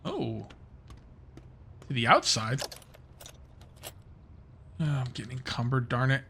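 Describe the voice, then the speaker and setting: A man's voice: medium pitch, expressive, slow, vocal fry, pushed and bright, a little hiss or hum. A man giving casual, rambling let's-play commentary, talking to his viewers as he plays. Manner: chatty, rambling, talks to viewers while playing. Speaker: gaming YouTuber.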